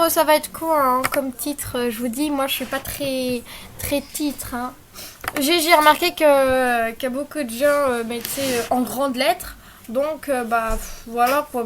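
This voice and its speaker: A woman's voice: sits high, fairly bright tone. A young woman talking through a screen-recorded tutorial in a chatty, rambling way, full of fillers and apologies. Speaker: tutorial maker. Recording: faint background noise and clicks.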